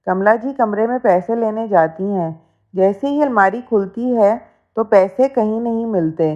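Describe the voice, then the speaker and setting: A woman telling a family story as narrator, in a steady, plain storytelling manner. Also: medium pitch, measured pace. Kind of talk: scripted narration. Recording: dull lo-fi recording.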